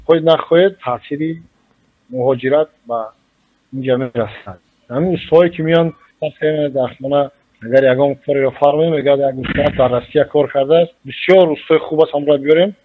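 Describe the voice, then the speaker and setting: A man with a Tajik accent, a journalist answering in a radio interview, speaking slowly and deliberately as he explains. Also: fairly high pitch. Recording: muffled radio recording.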